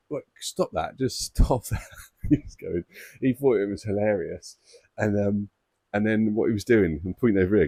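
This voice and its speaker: A man with a deep, low voice talks to camera like he's telling mates a story on himself. He's chatty and self-mocking and laughs along as he goes. The recording is close and dry, with no room sound. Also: warm tone, no room sound. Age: adult father of two boys. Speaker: koi-keeping vlogger.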